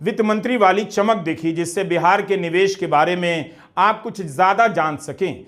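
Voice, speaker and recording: Guy with a high voice doing political news commentary, measured and critical. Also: a bit bright.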